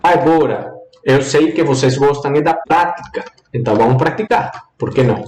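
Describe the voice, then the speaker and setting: A man teaching Spanish in a live online lesson, lively and repetitive, drilling the rules in a singsong way and mixing Portuguese with Spanish. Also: medium pitch, normal speed, echoey room.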